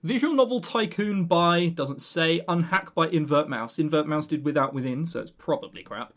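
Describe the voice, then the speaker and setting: A man with a slightly high, somewhat bright voice speaks at a normal pace while co-hosting a podcast. He rambles casually through award lists, swearing offhandedly and joking with dry sarcasm.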